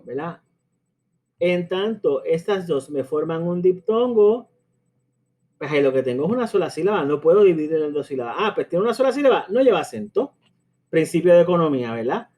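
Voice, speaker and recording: A man with a Caribbean Spanish accent teaches a lesson in a relaxed, conversational tone. His voice sits a little high and sounds soft and mellow. He keeps checking in with his listeners and hesitates as he thinks. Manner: conversational, frequent tag questions and hesitations. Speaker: language teacher. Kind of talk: explanatory spoken lesson.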